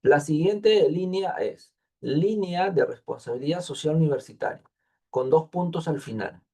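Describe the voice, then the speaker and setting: A man's voice: on the high side, normal speed, creaky, dark tone. A man, a thesis advisor taking students patiently through formatting details, repeating points and thinking aloud. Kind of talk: online class instruction.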